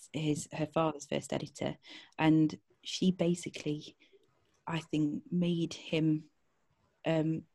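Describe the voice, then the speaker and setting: A woman with a Northern English accent, a poet talking thoughtfully in an interview over a video call, pausing often with ums. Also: sits low, mellow. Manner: thoughtful, hesitant with frequent ums. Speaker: poet and guest. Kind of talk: casual interview chat.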